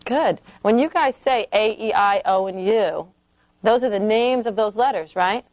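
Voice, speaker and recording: A woman's voice: medium pitch, unhurried, darkish tone. A woman teaching a small group of children to read in a classroom, patiently asking questions and checking they follow. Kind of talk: classroom phonics lesson.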